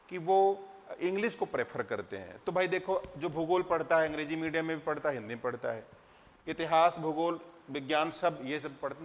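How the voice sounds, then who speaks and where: A middle-aged man teaching exam candidates, explaining with rhetorical questions and recited verse. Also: a little high. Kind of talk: lecture to exam students. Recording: long hall reverb.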